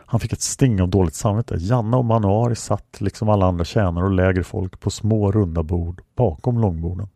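Male audiobook narrator, calm storytelling, husky, dry close sound. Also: deep voice, few pauses, no room sound. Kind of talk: scripted narration.

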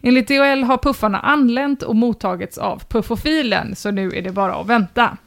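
Woman host reading forum posts out loud, slightly high voice, dry amused delivery, acts out the dialogue. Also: gravelly. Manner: mock-solemn when reading aloud. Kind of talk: casual chat, reading forum posts aloud.

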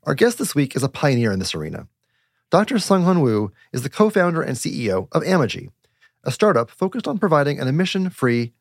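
Man, podcast host, quick pace, animated pitch, dry close sound. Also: dry recording. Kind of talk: podcast interview.

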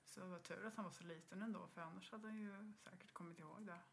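A woman's voice: lowish voice, vocal fry, a little hiss or hum. A woman co-hosting a podcast, telling a ghost story in casual chat and acting out her own reactions. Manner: lively storytelling with acted-out reactions. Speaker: podcast co-host.

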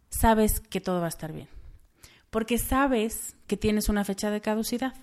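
A woman's voice: mid-range voice, a little mellow. A woman with a Mexican accent hosting a solo podcast, speaking earnestly and directly to the listener. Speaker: podcast host.

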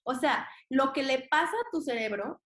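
A young Mexican-accented woman with a high-pitched, fairly bright voice and lively intonation speaks at normal speed as a podcast guest. Chatting casually in an interview, she's emphatic, slangy, and occasionally swears. The audio carries a roomy echo.

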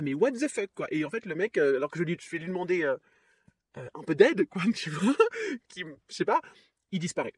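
A woman hosting a podcast, telling a personal story in a casual, lively way with frequent laughs and fillers. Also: lowish voice, husky, no room sound. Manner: lively, chatty, laughs often, trails off with fillers. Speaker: podcast host.

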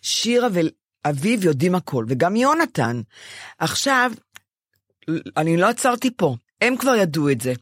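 An older woman chats with a co-host, her pitch leaping and dipping as she tells a long personal story. She acts out what she once said to others. The sound is close and dry, with no room around her. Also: pauses often, no room sound. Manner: animated storytelling, acting out her own past lines. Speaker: podcast co-host. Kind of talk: casual chat.

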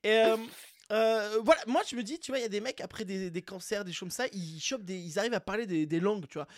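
A man co-hosting a podcast in casual joking chat, laughing often and trailing off quietly. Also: sits high, fast. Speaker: podcast co-host.

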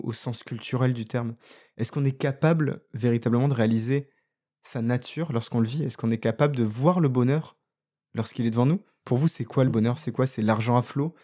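A man speaks in a reflective podcast monologue, turning ideas over aloud and often questioning his listeners directly. His voice sits at an ordinary pitch with a warm, mellow tone. He sounds conversational and unhurried in his thinking. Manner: thoughtful, asks many rhetorical questions. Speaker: podcast host.

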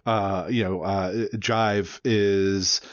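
A man with a low voice co-hosts a casual book podcast and rambles, filling his talk with "you know" and "like". His mic sounds slightly dull and dry, with no room sound. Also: steady tone, very slow, no echo. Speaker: podcast co-host.

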